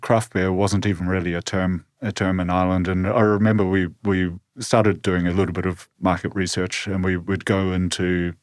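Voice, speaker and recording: Low-voiced man with a New Zealand Kiwi accent. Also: little pitch movement, no room sound, studio quality. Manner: halting, repeats words as he goes. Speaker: brewery co-founder, guest. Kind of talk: casual interview storytelling.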